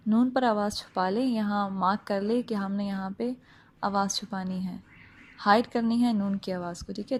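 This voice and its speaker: A woman teaching tajweed. She explains pronunciation patiently, step by step, and often checks that the listener follows. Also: medium pitch. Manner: slow drawn-out recitation, then plain step-by-step explaining. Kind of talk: Quran recitation lesson.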